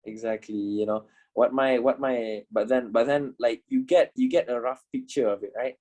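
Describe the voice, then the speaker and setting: This man's medium-pitched, darkish voice keeps a moderate pace and fairly even intonation. In his twenties, he's wrapping up an informal online trading class, peppering it with profanity, repeats, and lots of "you know?"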